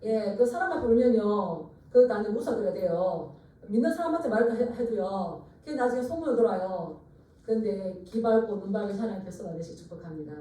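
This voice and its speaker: Lady pastor preaching, mellow higher voice, far off mic in a big echoey church. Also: expressive, a little fast, slight background noise. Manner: earnest preaching with call-and-response repetition. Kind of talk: sermon. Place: church sanctuary.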